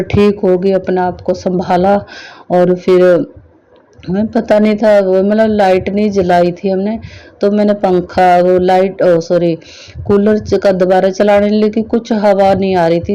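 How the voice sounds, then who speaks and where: A middle-aged woman sharing a devotional personal testimony in an earnest, halting storytelling manner. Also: medium pitch, mellow, lo-fi sound.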